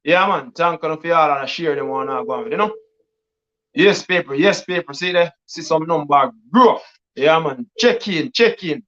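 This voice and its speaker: This Jamaican man hosts a live stream as a DJ, rattling off patois-laced shout-outs and hype. His voice sits a touch high for a man, and the stream audio sounds dull and lo-fi. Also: moderate pace. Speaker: DJ and livestream host. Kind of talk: casual live-stream chat.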